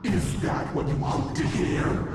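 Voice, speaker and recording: A woman voicing a treacherous fairy turned demonic villain in a game cutscene, her voice run through a voice-changer distortion filter and spoken with slow, scornful theatrics. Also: mid-range voice, heavy background noise. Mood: mocking. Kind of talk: video game cutscene dialogue. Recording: game audio, echoey and distant over loud music. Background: loud game music.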